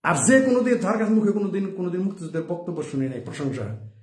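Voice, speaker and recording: A man's voice: high-pitched, sing-song, rapid-fire, darkish tone. A man delivering an opinionated commentary monologue, firing off rhetorical questions. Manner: rhetorical questions, chuckles at own points. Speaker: political commentator. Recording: roomy, echoey room sound.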